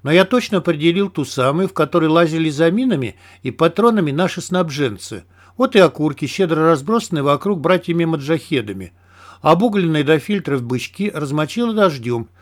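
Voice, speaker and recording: A man reading a first-person adventure audiobook in a steady, even storytelling manner. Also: a little high, a little fast. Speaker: audiobook narrator.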